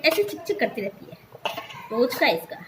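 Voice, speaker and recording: A young mother vlogs her family's morning routine while cooking in her home kitchen, chatting to viewers in a casual, bustling, hurried way. Her voice is a little high with big pitch swings. The echoey room is noisy with clattering dishes.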